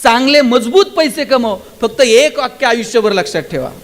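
A man's voice: very high voice, animated, normal speed. A man giving a motivational speech to students and teachers, addressing the audience directly with rhetorical questions. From Maharashtra, India. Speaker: motivational speaker.

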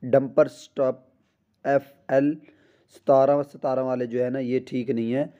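A man's voice: mid-range voice, little pitch movement, slow, muffled recording. A man working as a car mechanic, walking through a repair step by step with small restarts, recorded on a phone in a garage. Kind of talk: hands-on repair tutorial.

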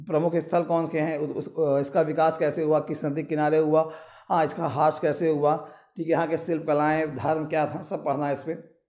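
Guy with a high voice going through a history syllabus, keeps asking and answering his own questions. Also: little pitch movement, normal speed, a little mellow. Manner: explains with rhetorical questions and repeated reminders to underline. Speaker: exam prep teacher. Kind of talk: syllabus walkthrough lecture.

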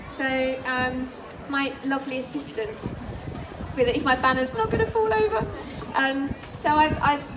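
A chatty English woman talks through a cooking demo, full of ums and restarts. Her slightly high voice comes from a distance. Outdoor noise sits behind her. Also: unhurried. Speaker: cookery demonstrator and nutritionist. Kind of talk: live cooking demonstration. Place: outdoor festival demo kitchen stall. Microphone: filmed from the crowd by a far camera.

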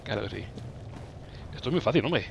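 Excitable Spanish man narrating gameplay. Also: medium pitch, brisk, vocal fry, dull audio, slight background noise. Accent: Spain Spanish. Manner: excitable, teasing enemies, frequent yelps and laughs. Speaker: gameplay commentator. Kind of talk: playful let's-play commentary.

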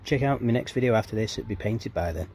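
A man narrates a casual DIY vlog in his back garden, chatting informally and rambling as he films on a handheld camera or phone. His lowish voice is animated, fast and a little mellow, with outdoor ambient noise around him.

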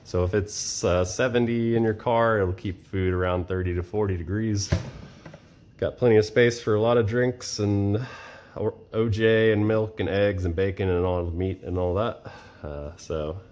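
A man in his thirties casually walking through his camping kitchen gear at home, chatty and relaxed with frequent fillers. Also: deep voice. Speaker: vlogger showing camping gear. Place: cluttered home storage room and kitchen, indoors.

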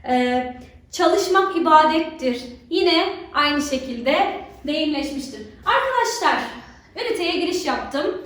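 A woman teacher with a very high voice talks children through a lesson, constantly checking in with rhetorical questions. She is recorded in a strongly echoing room, and her voice sits well away from the microphone. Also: animated, takes it slowly, a bit bright. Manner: keeps asking rhetorical questions to draw pupils in. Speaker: religion teacher. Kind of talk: recorded remote lesson for schoolchildren. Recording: very echoey room, voice far from mic.

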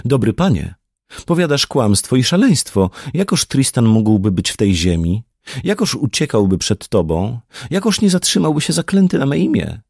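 A proud, grief-stricken queen speaks in a pitched-up, sweeping voice, slow and pained, as a male narrator puts her on. Her tone swings widely from low to high. The reading is close and dry, with no room sound. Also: big pitch swings, creaky, a little mellow, husky, dry recording, full character voice. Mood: indignant. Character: proud wounded young queen, bitter. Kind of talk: audiobook character reading.

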